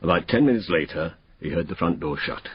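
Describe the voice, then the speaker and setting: A cocksure English police inspector talks bluntly and colloquially in a very rough, husky, lowish voice. The delivery is jocular and plain-spoken, in a muffled radio drama recording. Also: male voice, lively intonation, no room sound, heavily acted. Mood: brisk, matter-of-fact. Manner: blunt, colloquial, briskly matter-of-fact.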